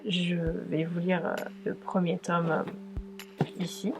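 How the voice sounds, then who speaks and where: Slow-talking French book vlogger woman. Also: on the low side, flat delivery, over music. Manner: hesitant, many filler pauses. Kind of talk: casual book haul presentation.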